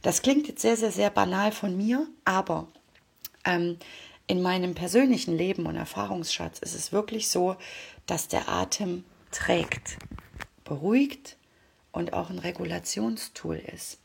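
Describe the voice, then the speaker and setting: Husky, gravelly woman, calm guidance. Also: lowish voice, measured pace. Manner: calm, often drops to a soft near-whisper. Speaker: card reading guide. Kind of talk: reflective spoken guidance.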